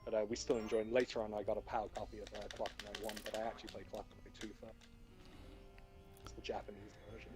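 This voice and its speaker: A man's voice: fairly low pitch, little pitch movement, rapid-fire, hardly any pauses, low-quality recording. A British man from the UK chatting casually on a stream, rambling a little with fillers as he shares a story. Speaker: stream co-host. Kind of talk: casual chat. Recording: loud game music behind. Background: game music.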